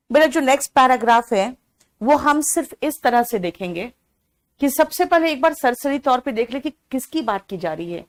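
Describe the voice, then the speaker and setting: A woman teaching an online exam-prep class, chatty and drowsy from cold medicine, mixing English words into her talk and answering students by name. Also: medium pitch. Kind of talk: live online class, explaining an English comprehension passage.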